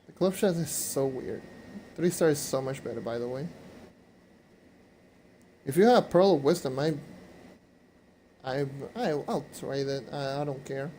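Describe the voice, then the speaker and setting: A young man chatting casually to his viewers while playing a game, rambling and repeating himself, his voice a little hoarse. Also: medium pitch, unhurried, long pauses, dark tone, a little hiss or hum. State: slightly hoarse. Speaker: game streamer. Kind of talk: casual live-stream chat while gaming.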